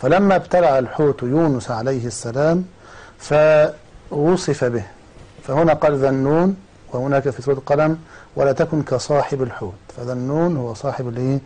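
Mellow-voiced man explaining scripture. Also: medium pitch, low-quality recording. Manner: measured, cites scripture and scholars. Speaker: guest scholar. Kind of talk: scholarly explanation.

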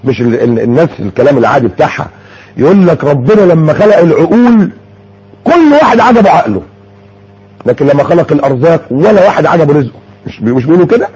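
Egyptian male preacher, husky, quick talker, muffled lo-fi recording. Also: on the high side. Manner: lively, shifting from formal recitation to chatty storytelling. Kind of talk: sermon with colloquial asides.

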